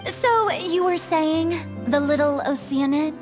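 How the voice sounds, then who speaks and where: A woman's voice: sits high, slow, music in the background. A woman playing a grand, proud young celebrity in a video game, speaking in a theatrical, self-important manner. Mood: curious, thoughtful. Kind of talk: video game character acting.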